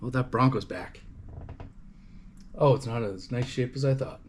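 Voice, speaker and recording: A man's voice: medium pitch, moderate pace, slight background noise. Man, from canada, livestream host, casual rambling chat, profane, filler-heavy. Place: home livestream setup.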